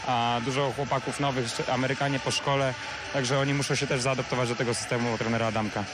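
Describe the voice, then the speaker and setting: A young male basketball player talks through a post-match interview in a flat, even tone, pausing often with fillers. His handheld mic picks up clear background noise from the arena. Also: mid-range voice. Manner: hesitant, many filler sounds. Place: courtside interview wall in an arena. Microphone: handheld reporter mic.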